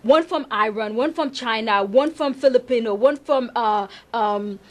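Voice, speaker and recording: A middle-aged woman with a Haitian accent is interviewed as a councilmember guest. Her voice is on the high side and a little slow, and she talks with enthusiasm, often repeating words as she searches for them.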